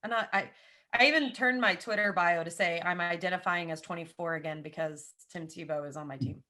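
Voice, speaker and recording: Her voice on the low side and her delivery fairly quick, a Southern-accented woman in her thirties chats casually as a podcast guest. She's animated and opinionated, with plenty of asides and repeated emphasis.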